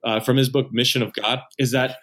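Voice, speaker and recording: A man's voice: medium pitch, little pitch movement, fairly quick, fairly bright tone. A man who leads at a church, a podcast guest explaining his ideas earnestly, step by step. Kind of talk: explanatory conversation.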